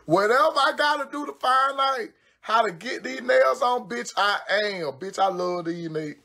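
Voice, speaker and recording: Woman, high voice, gravelly, livestream chat at home, profane, exclamatory. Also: animated, normal speed, pushed and bright. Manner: brash, profane, exclamatory, frequent cursing; busy doing her own nails while talking. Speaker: social media personality. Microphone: phone livestream.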